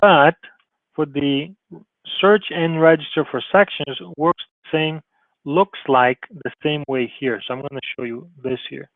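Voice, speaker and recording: The voice is a man's, a little high and a little slow: a college advisor casually leading a screen-share tutorial with restarts and many "okay?" check-ins. The tinny, phone-like recording is dry with no room sound.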